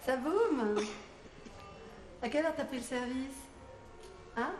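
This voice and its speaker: A woman's voice: high-pitched, takes it slowly. A French woman performing a comic stage monologue as a gossipy, bossy café owner chatting with her customers. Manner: gossipy, bossy, talks to unseen customers in turn. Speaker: comedian performing a one-woman stage show. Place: theatre stage with audience. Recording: echoey live theatre recording.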